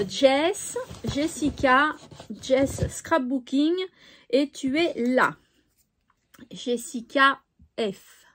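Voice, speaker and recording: Cheerful high-voiced woman, slow. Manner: chatty, cheerful, says "hop" while sorting. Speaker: scrapbooking YouTuber. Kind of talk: casual vlog chat.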